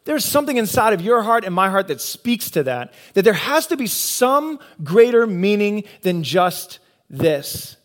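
A man preaching a sermon, earnest and unhurried, pausing for emphasis and posing rhetorical questions. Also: sits high, very animated. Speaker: pastor.

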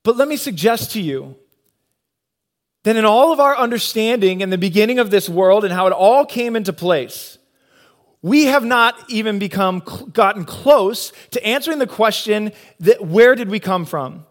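A man preaching a sermon, earnest and unhurried, pausing for emphasis and posing rhetorical questions. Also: high-pitched, lively intonation. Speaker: pastor.

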